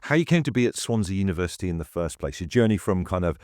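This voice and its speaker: Lively low-voiced male podcast host. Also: fast, no room sound, clean studio sound. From United Kingdom. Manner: scripted intro, then friendly questions with stumbles. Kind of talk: podcast interview.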